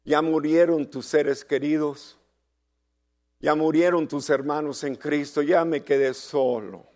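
Slow, dramatic male preacher. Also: a little high, fairly even intonation. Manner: slow, dramatic preaching with sudden shouted peaks; asks the congregation for responses. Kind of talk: sermon.

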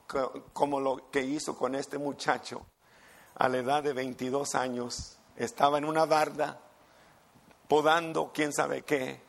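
A man's voice: medium pitch, gravelly. An older man, a pastor telling stories emphatically in a sermon. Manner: emphatic, storytelling preacher. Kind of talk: sermon storytelling.

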